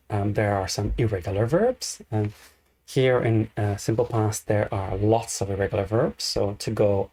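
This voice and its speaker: A man teaching an English grammar lesson, explaining slowly and repeating each example. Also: fairly low pitch, darkish tone.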